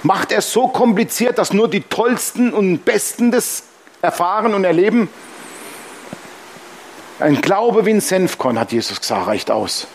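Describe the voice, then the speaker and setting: A man's voice: high voice, lively intonation, measured pace, a little hiss or hum. A man preaching a sermon as pastor, emphatic and humorous, often calling out "Amen".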